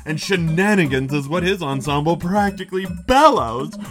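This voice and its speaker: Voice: medium pitch, expressive, normal speed, a bit bright, faint music behind, close to an everyday voice. A performer doing a gushing showbiz announcer. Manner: gushing, theatrical, sing-song. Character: over-the-top showbiz announcer, gushing, camp. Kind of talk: comedy radio play acting.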